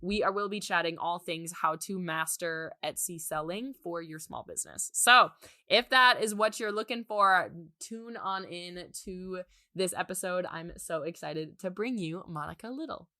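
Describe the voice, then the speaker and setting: A woman hosting a podcast in a chatty, bubbly, informal way, with a slightly raspy, nasal voice. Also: on the low side, expressive, moderate pace, bright, forceful tone. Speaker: podcast host and business coach. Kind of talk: chatty conversational podcast intro and interview. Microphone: close podcast microphone, dry sound.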